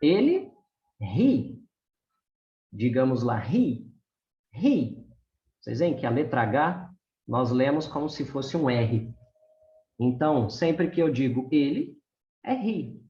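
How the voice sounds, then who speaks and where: Slow, lively teacher in a roomy space. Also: male voice, medium pitch. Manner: patient, keeps checking in with the class. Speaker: English teacher. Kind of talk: explaining grammar to beginners. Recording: roomy, slightly dull recording.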